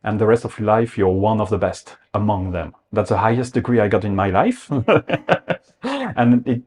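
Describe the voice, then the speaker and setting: A man with a French accent, speaking halting, thoughtful English as an interview guest explaining his craft. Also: lowish voice, fairly even intonation, a little mellow. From France. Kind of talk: conversational interview.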